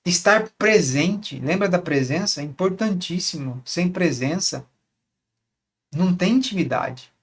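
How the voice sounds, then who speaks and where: A man with a fairly high voice explains how couples should talk to each other. He speaks casually, asks his listeners rhetorical questions and often repeats a word as he looks for the next one. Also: animated, unhurried, a bit bright, husky. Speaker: relationship coach. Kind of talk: casual teaching monologue.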